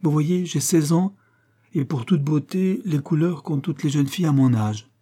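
Man doing a pious teenage girl, earnest, pleading, raised voice, husky tone. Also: fairly high pitch, normal speed, pitched above the performer's own voice, lightly acted. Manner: pleading, soft and dreamy, sometimes whispered. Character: earnest sixteen-year-old Venetian girl, pious and tender.

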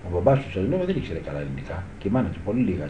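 Speaking in a low, sing-song voice, an older guitar teacher recalls the past in a loose, rambling way and often asks if his listeners get what he means. The dull old tape comes from an echoey room and has a noisy background.

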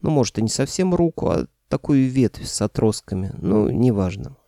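A man reading an audiobook in an even, wry storytelling manner. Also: lowish voice, moderate pace, vocal fry, no room sound, studio quality. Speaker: audiobook narrator.

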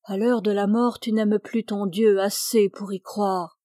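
A woman's voice: mid-range voice, fairly even intonation, unhurried, dark tone, no room sound, studio quality, natural voice. A woman voicing an ironic inner voice. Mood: mocking. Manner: ironic, insinuating. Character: mocking inner voice of doubt. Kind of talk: audiobook reading.

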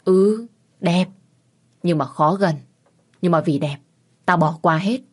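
A woman's voice: on the low side, slow pace, husky. A woman voicing a frank, easygoing middle-aged aunt who teases bluntly in an audio story. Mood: teasing. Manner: blunt and teasing.

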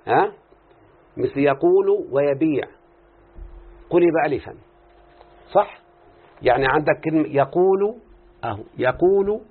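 A man's voice: fairly high pitch, slightly rough. A man with an Egyptian accent teaches a classroom lesson, explaining a text and constantly quizzing his students with short questions. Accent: Egyptian Arabic. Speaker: teacher of Arabic morphology. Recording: tinny phone-like lo-fi recording.

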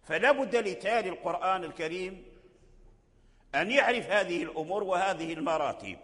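High-voiced sheikh, echoing hall. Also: male voice, fairly bright tone. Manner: repeats phrases, slow deliberate explanation. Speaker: sheikh teaching Quran recitation. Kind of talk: religious lecture. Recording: long hall reverb.

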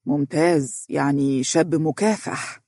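A man's voice: a little high, a little slow, darkish tone, no echo, clean studio sound. A man doing a dignified Egyptian father. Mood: calm. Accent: Egyptian Arabic. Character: dignified, measured middle-aged father.

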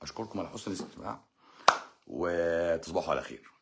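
Fast-talking low-voiced Egyptian man. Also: expressive, creaky, background noise. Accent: Egyptian Arabic. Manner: blunt, sarcastic, mocks viewer comments. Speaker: doctor hosting a live stream. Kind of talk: live-stream Q&A.

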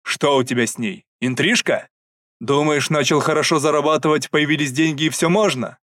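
A man voicing a stern, grey-browed old father who growls and shouts. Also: fairly high pitch, steady tone, a little fast, no room sound, studio quality, natural voice.

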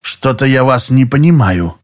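A man's voice: medium pitch, expressive, moderate pace, lightly acted. A man reading an audiobook, voicing a falsely polite middle-aged tenant who turns curt and wary. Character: smooth-then-suspicious middle-aged male tenant.

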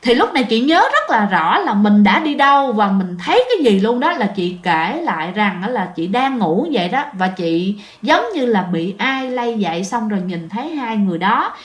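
A woman's voice: mid-range voice, sing-song, moderate pace, few pauses. A woman narrating a ghost story in a chatty manner, talking straight to her listeners. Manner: chatty, addresses listeners directly. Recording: roomy echo.

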